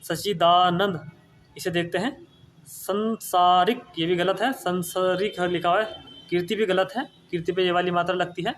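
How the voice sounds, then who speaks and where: High-voiced male teacher going over spellings. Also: steady tone, moderate pace, a bit bright, slight background noise. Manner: repeats words, asks and answers, tag "ठीक है ना". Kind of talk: exam-prep spelling lesson.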